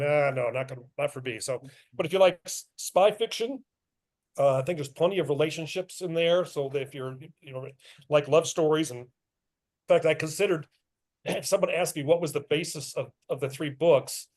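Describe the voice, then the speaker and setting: At a club meeting, a middle-aged author chats informally and answers questions, often laughing and making fun of himself. His voice sits a little high and sounds a little mellow.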